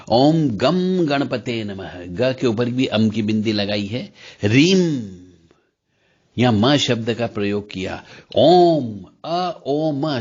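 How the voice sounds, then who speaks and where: A man's voice: mid-range voice, slightly rough, dull audio. A man teaching how to pronounce mantras in an explanatory talk, chanting examples between his explanations. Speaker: spiritual teacher.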